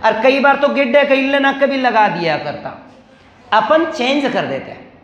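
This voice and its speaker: A man's voice: extremely high pitch, animated, a little slow, fairly bright tone, echoey room, muffled recording. A male teacher giving a classroom lecture, asking questions and answering them himself.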